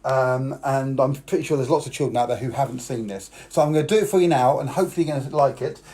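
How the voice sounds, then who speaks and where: Speaking fast in a warm, medium-pitched voice, a British man performs live-streamed magic for kids. He talks the boys and girls through his tricks as a party magician and coaxes them to take part.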